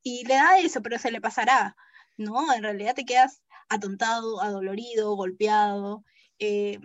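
A young adult woman telling a personal story as an interview guest, acting out the quoted dialogue in a lively way. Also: mid-range voice, moderate pace, no room sound, muffled recording.

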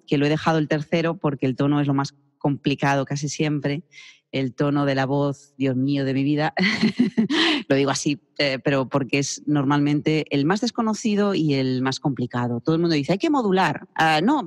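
A man with a somewhat high voice explains speaking technique like a voice coach on air. He demonstrates as he goes, rushing some phrases and dropping low and slow on others. The sound is close and dry, yet a long reverb trails behind it. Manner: demonstrative, shifts pace and pitch to illustrate. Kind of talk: radio interview explanation.

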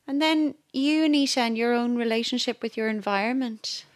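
A woman with an Irish accent hosting a podcast, asking gentle, probing questions. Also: a little high, a little fast, dry recording. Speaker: podcast host, violinist. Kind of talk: interviewing.

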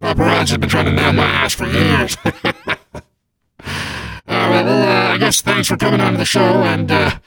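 A man voicing a gleeful, boastful male Christmas demon who hosts a comedy show, talking in a growling, mocking rasp with many cackles. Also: rumbling low, huge pitch swings, normal speed, pauses often, a bit bright, heavily acted. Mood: gleeful menace. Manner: mocking, cackling, rambling menace. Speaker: show host.

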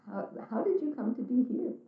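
A woman's voice: on the high side, lively intonation, brisk. A woman being interviewed, talking in a frank, chatty way in a casual conversation. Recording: echoey room, tinny phone-like sound.

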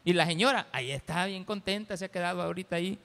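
A Salvadoran pastor preaches to his congregation in a folksy, teasing way, slipping into little acted scenes. His voice sits fairly high and sounds bright and forceful. It rings out with the long reverb of a church hall. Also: fast, vocal fry. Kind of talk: sermon.

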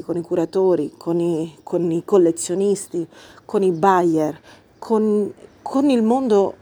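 A woman's voice: mid-range voice, dark tone. A woman hosting a podcast, explaining a book in an earnest, reflective way and thinking aloud as she talks. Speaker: podcast host. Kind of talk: explanatory monologue about a book.

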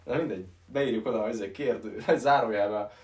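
A man's voice: on the low side, a little mellow, reverberant, recorded from a distance. A young man co-hosting an amateur internet radio show, chatting loosely and making up rhymes. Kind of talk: casual chat, improvised rhymes.

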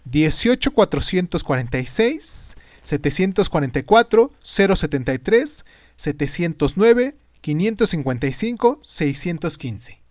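Male storyteller host, higher-pitched, emphatic and theatrical with deliberate pauses, very animated. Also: no echo, clean studio sound. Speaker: podcast host and narrator. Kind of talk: scripted storytelling narration.

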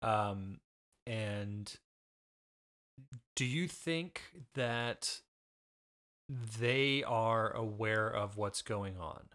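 A man's voice: on the low side, very slow, pauses often, fairly bright tone. Patient man guiding a book chat. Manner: patient, steers the talk back to the topic; explains with frequent fillers and restarts. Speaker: podcast co-host, father. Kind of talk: casual book discussion.

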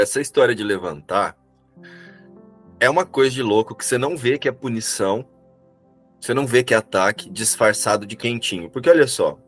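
A man calmly explaining a spiritual lesson and asking rhetorical questions, as a teacher would. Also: lowish voice.

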